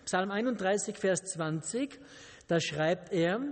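A man preaches at an unhurried, deliberate pace, dropping joking asides to his listeners. His voice sits high for a man, and a long reverb from the church hall trails every phrase. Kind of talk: sermon.

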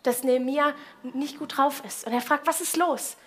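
Woman, high voice, casual devotional talk, colloquial, asks the listener direct questions. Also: fairly even intonation, moderate pace. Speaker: speaker of a Bible devotional.

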